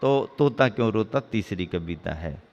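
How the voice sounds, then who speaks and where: Slow, measured man preaching in a hall. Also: lowish voice, animated, darkish tone, lo-fi sound. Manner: slow, deliberate teaching with wordplay, stretching words apart for emphasis. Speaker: Jain monk giving a discourse. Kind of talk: sermon. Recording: long hall reverb.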